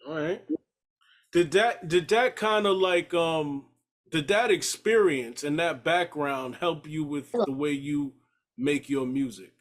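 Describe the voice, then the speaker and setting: A man's voice: a little high, takes it slowly. A man hosting a casual talk show, hyped and stumbling over repeated words. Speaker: show host.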